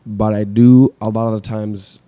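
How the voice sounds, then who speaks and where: A young man co-hosting a coffee podcast, bantering with deadpan, goofy humor and talking through brewing gear. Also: fairly low pitch, normal speed, highs cut off. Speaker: podcast co-host. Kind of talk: casual chat.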